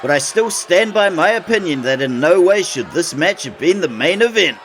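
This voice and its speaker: A man's voice: high voice, animated, moderate pace, a little hiss or hum. A man calling wrestling play-by-play as the show's commentator and host, sardonic and opinionated, with mock-grumpy asides. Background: music.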